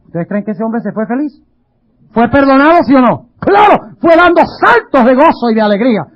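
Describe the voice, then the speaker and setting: A man's voice: very high voice, very animated, a little fast. A male pastor giving a dramatic sermon, full of rhetorical questions. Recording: dull lo-fi radio sound.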